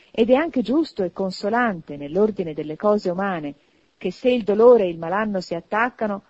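A woman giving an expressive audiobook narration of a classic novel. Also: lowish voice, husky, dry recording, dull audio. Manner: expressive, animated reading.

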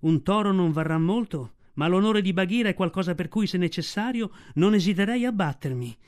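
A loyal panther speaks low and steady, as a male narrator puts him on. The tone stays mild but firm, an audiobook protector. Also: brisk.

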